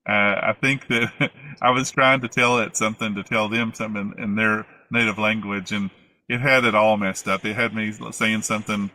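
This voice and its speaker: A man with an Appalachian accent talks as a casual interview guest. His voice is a little low but bright and forward. He rambles along, feeling his way hesitantly through each answer. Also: steady tone, normal speed, no room sound, poor audio. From United States. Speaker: interview guest, former flight attendant. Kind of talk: casual conversational storytelling.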